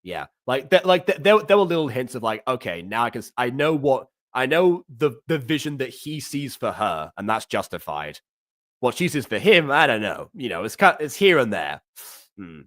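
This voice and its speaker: A man with a mid-pitched, animated voice gives casual reaction commentary. He reviews as he goes, halting and thinking aloud.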